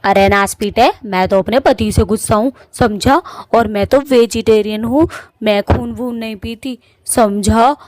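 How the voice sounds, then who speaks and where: A sulky cartoon witch wife, as a woman voices her, scolding in a fairly high voice. She sounds huffy and quarrelsome. The recording is dry and close. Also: unhurried, dry recording, close to an everyday voice. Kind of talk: cartoon voice acting.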